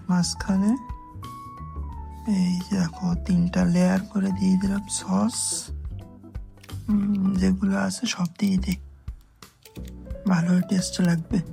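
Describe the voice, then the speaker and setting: A young man chatting to viewers in a casual late-night cooking vlog, mixing in English words and often speaking softly. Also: high voice, vocal fry, rough recording. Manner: speaks in a hushed voice so as not to wake a sleeping roommate. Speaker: vlogger. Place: small kitchen at night, indoors.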